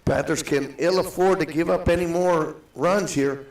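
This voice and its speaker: A man calling a softball game live in a steady, matter-of-fact way, his voice ringing with a cave-like echo. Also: on the high side, normal speed, recorded from a distance. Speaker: play-by-play announcer. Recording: echoey booth, set back from the mic.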